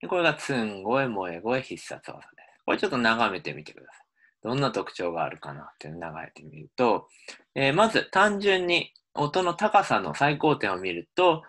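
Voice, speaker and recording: A man's voice: medium pitch, very animated, a little fast, fairly bright tone. A man, a university linguistics lecturer, explaining in a recorded lecture with frequent um fillers.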